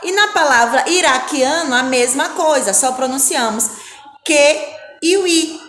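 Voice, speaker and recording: A woman teaching young children a phonics lesson, speaking slowly and patiently with a Brazilian Portuguese accent and often asking the children whether they agree. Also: high voice, expressive, a bit bright, roomy sound, a little hiss or hum, poor audio. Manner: slow, patient, spells out sounds. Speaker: primary school teacher. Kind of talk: recorded classroom lesson.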